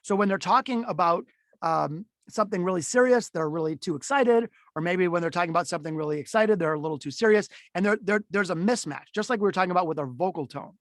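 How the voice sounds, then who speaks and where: High-voiced, animated male speaker, dry sound. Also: quick pace, no echo. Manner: animated, swings voice up and down to demonstrate; conversational with frequent fillers and restarts. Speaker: keynote speaker teaching a webinar. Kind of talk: webinar teaching talk.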